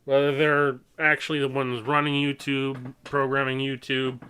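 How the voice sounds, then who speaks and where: A man's voice: medium pitch, little pitch movement, normal speed, bright, forceful tone, a little hiss or hum, poor audio. A young adult man giving an unscripted, earnest and exasperated opinion as an online creator, often stammering and repeating words as he restarts.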